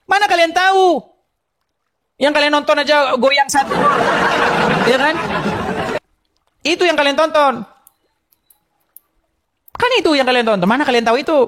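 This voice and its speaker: High-voiced mocking man over loud noise. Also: normal speed, pauses often. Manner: mocking, laughing often, challenging viewers. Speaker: host of a live debate stream. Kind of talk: confrontational live-stream debate. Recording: loud crowd and heavy background noise.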